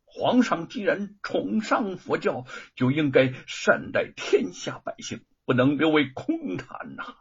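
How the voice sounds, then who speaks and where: A man's voice: fairly high pitch, sing-song, slow, vocal fry, hardly any pauses, breathy edge, heavily acted. A man voicing a defiant, wounded scholar in a told story, indignant and pleading. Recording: dull lo-fi recording.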